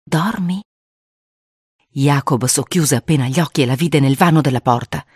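A reader narrating a spooky children's story aloud in an expressive way, acting out the voices. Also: medium pitch, fairly quick, slightly rough, no room sound, studio quality.

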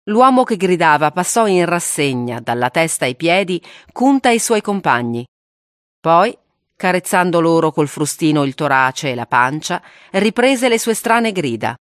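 Brief: a woman narrating an audiobook, lowish voice, steady and grave, dry close recording. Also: normal speed, no echo.

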